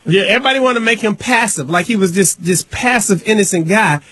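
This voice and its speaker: Male radio host, husky and slightly high, impassioned and emphatic. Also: fast, fairly bright tone. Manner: emphatic, impassioned, repeats for stress. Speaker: radio talk show host. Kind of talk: call-in radio talk.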